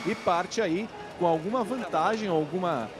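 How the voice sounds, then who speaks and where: A man's voice: sits high, unhurried, over music. A Brazilian man giving live motorsport analysis in an explanatory, emphatic manner. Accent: Brazilian Portuguese. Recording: engine and vehicle noise behind.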